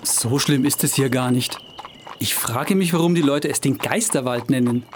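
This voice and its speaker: An actor playing a glib, theatrical travelling minstrel who cajoles people in an audio drama. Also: male voice, mid-range voice, normal speed, background noise, natural voice. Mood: eager, flattering. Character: brash, persuasive travelling minstrel and showman. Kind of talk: scripted audio drama acting.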